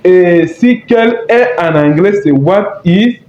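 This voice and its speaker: Male teacher, slightly high voice, drawn-out patient repetition, dull lo-fi recording in an echoey room. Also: expressive, a little mellow. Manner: slow, repetitive, spells words out letter by letter. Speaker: English teacher. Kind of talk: language lesson.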